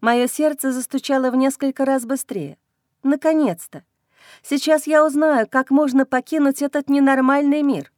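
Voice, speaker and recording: A woman reading a first-person novel aloud in a wry, lively way. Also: sits high, normal speed, no room sound, studio quality. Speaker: audiobook narrator.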